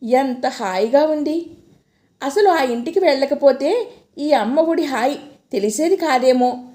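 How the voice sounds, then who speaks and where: A woman's voice: high voice, measured pace. A woman narrating a novel in the first person as an audiobook reader, telling it expressively. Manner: expressive storytelling.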